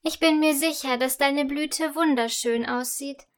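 A woman voicing a caring female tulip flower in a children's audio story, speaking softly and carefully. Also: on the high side, slow pace. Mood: comforting. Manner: soft, careful, comforting.

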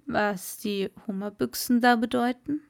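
A woman voicing a polite, wary young fisherman in a storybook, speaking softly and deferentially. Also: fairly even intonation, measured pace, creaky. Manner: soft, lowered, deferential.

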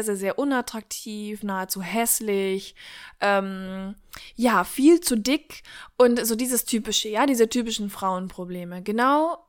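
A woman hosting her own podcast, talking casually and eagerly retelling a film with many fillers. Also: medium pitch. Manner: warm, enthusiastic retelling with frequent fillers. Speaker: podcast host.

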